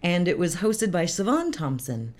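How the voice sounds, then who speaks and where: A woman's voice: on the low side, very animated, moderate pace, a little mellow. A woman co-hosting a podcast in casual chat, teasing and chatty, often talking over her partner. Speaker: podcast co-host.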